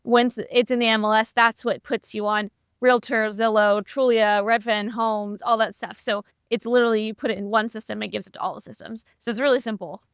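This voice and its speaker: A woman co-hosting a casual real estate podcast, chatty, with fillers and asides. Her voice is smooth and clear, a touch high. It is a dry studio sound. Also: fairly even intonation, brisk, dry recording. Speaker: podcast co-host.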